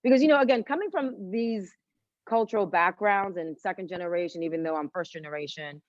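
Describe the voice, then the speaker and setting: A woman's voice: lowish voice, fairly quick, no room sound. Woman guest chef, dull lo-fi sound. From Washington, D.C., United States. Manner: chatty storyteller, drops in Spanish phrases. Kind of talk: casual interview conversation.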